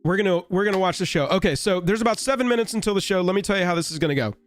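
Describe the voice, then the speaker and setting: A man with a raspy, hoarse voice from being sick, hosting a casual live stream in a rambling, wry, offhand way. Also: sits high, rapid-fire, faint music behind.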